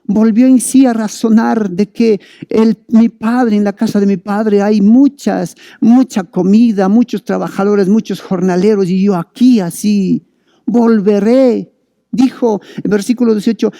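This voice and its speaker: A man's voice: high-pitched, fairly even intonation, a little slow, mellow, no echo, studio quality. A male preacher giving a sermon to listeners, urging them on with fervent, repeated calls. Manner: fervent, repetitive exhortation.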